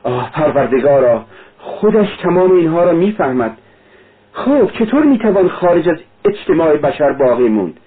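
A man puts on a devout young woman in anguish, her voice pitched high and pleading in a storybook reading. The sound is husky and squeezed through a narrow, lo-fi radio-like band. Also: big pitch swings.

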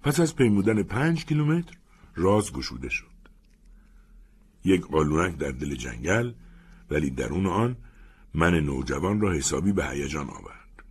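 Low, husky male storyteller. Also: long pauses. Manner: expressive, animated reading of a first-person tale. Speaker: narrator. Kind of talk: storytelling reading.

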